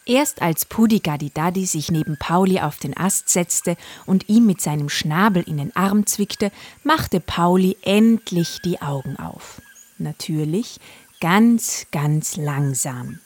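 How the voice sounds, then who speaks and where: A woman narrating a children's story in a lively, playful way. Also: on the low side, a little slow.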